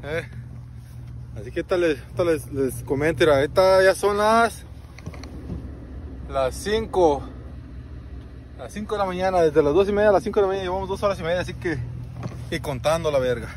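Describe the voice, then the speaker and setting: Speaking a bit fast with long pauses, a high-voiced man in his thirties with a Mexican accent vlogs in a loose, profane, Chicano-flavored street slang. The setting shifts from inside a truck to snowy ground at night. A phone at arm's length picks up noisy car and outdoor background.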